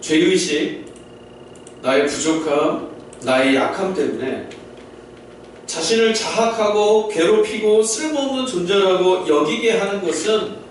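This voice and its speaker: Man, pastor, sermon, high voice, heavy church echo, distant mic. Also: unhurried, slight background noise. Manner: explains warmly to a mixed-age congregation, asks the room questions. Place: church sanctuary. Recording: very echoey hall, distant mic.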